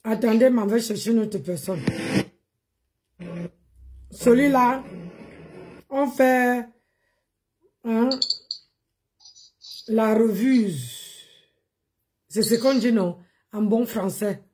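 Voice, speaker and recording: A woman co-hosts a casual live stream and greets viewers in a playful, chatty way. Her voice sits high and she takes her time between words. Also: slow pace, long pauses, background noise.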